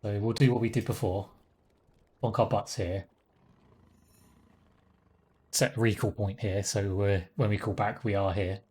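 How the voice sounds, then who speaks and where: A man's voice: lowish voice, steady tone, unhurried, long pauses, a little mellow, husky. A man casually commentating on his live game stream, rambling with wry, chuckling asides.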